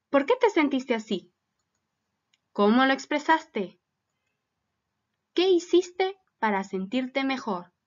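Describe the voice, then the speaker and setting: A woman's voice: a little high, muffled recording. A woman teacher giving a recorded lesson for children, patiently asking them many questions.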